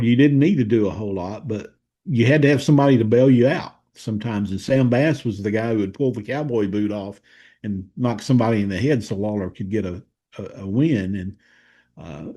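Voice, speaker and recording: Here a Tennessee historian with a Southern drawl reflects on details in conversation, halting now and then to locate a word. The voice sits at medium pitch, mellow and a bit breathy.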